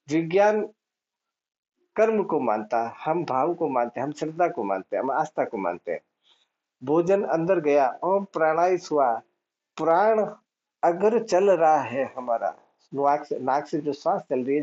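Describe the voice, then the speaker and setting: A man's voice: on the high side, darkish tone, lo-fi sound. A man teaching spirituality, explaining patiently, repeating key points and chanting short mantras. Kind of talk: devotional teaching.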